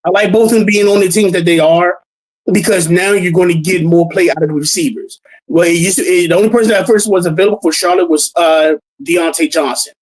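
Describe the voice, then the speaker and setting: Man, high voice, excitable, stumbles and repeats words, casual sports chat. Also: fairly quick, poor audio. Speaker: podcast co-host. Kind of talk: casual fantasy football chat.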